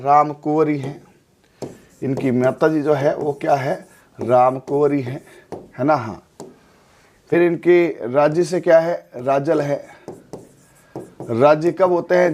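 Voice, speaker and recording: A man gives a classroom lecture for exam students. His voice sits a little high. He talks in a relaxed, chatty way, firing short questions and answering them himself. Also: a little hiss or hum. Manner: chatty, repeats and quizzes with quick questions. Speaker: exam coaching teacher.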